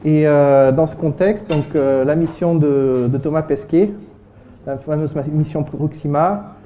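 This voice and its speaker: A man giving an informal presentation as an amateur radio volunteer, chatty and halting. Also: on the high side, fairly even intonation. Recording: muffled lo-fi sound, dull microphone.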